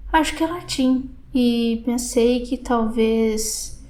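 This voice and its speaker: Brazilian woman, high-pitched, measured reflective audiobook narrator. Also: warm tone. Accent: Brazilian Portuguese. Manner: measured, reflective first-person reading.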